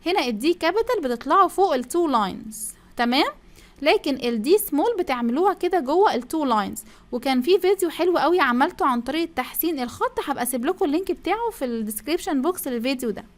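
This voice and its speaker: A woman's voice: sits high, animated, quick pace. A woman with an Egyptian Arabic accent, teaching a first-grade English lesson, stretching out English phrases and drilling pupils to repeat after her. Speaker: primary school English teacher.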